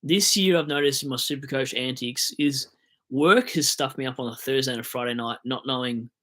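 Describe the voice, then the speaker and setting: A man's voice: medium pitch, brisk, fairly bright tone. Australian man ranting casually on a livestream. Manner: chatty, swears, mock-rants at a player. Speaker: fantasy football livestream host.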